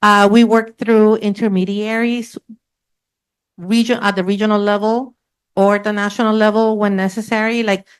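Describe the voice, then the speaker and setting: A woman's voice: mid-range voice, flat delivery, normal speed, clean tone. A woman on a panel discussing her foundation's emergency response work, frank and sometimes searching for words.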